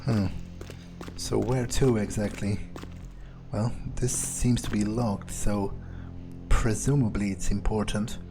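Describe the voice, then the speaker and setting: Game music plays as a gamer stays in character, offering slow, sardonic musings on the action. His fairly low voice keeps a fairly even intonation.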